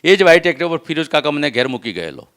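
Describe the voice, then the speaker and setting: A man's voice: on the high side, sing-song, fast, fairly bright tone. A man giving an emotional, insistent testimony to a reporter, swearing oaths and acting out the threats made against him. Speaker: complainant doctor.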